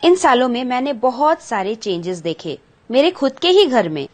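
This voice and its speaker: A woman's voice: fairly high pitch, big pitch swings, moderate pace. A woman teacher patiently explaining a school textbook chapter to children, glossing English words and asking the pupils questions.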